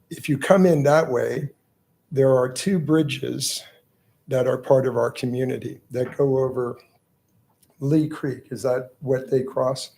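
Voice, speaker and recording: A hoarse, raspy-voiced man giving halting, measured public comment as a resident at a planning meeting. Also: medium pitch, dark tone. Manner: halting, measured delivery with pauses.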